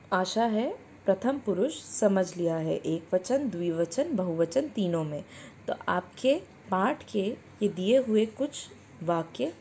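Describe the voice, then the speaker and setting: A woman's voice: mid-range voice, mellow, a little hiss or hum. A woman teaching a Sanskrit grammar lesson to children, reading sentences and explaining each one step by step. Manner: slow, deliberate, addresses the children directly.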